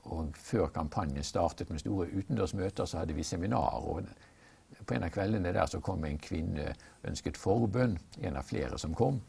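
A male preacher in an earnest, measured Bible discussion, explaining and telling stories. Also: deep voice, gravelly, dark tone, breathy edge. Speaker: preacher, guest.

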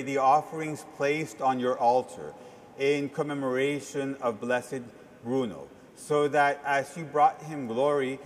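A priest, a man, reciting the prayers of Mass in a measured, solemn way, his voice ringing with cathedral echo. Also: mid-range voice. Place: large church. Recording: long church reverb, faint ambient noise.

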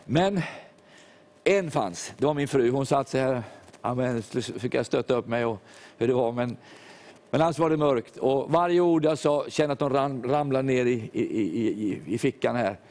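A man's voice: mid-range voice, a little mellow. Older man preaching a sermon. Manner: storytelling, acts out quoted voices. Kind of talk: sermon testimony.

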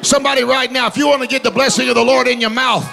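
High, gravelly, shouting man preaching. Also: fairly even intonation, very fast, long reverb tail, over music. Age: middle-aged. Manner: shouted declarations, chanting repetition. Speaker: pastor. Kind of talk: charismatic sermon. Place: church hall with congregation.

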